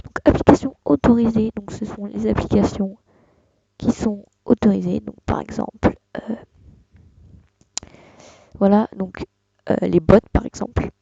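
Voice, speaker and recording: Young kid doing a screen tutorial, husky voice, lots of uhs, kinda muffled dry mic. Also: mid-range voice, fairly even intonation, measured pace, long pauses, dark tone, dry recording. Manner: hesitant, many fillers and restarts. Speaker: tutorial host. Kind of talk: casual screen-recorded tutorial.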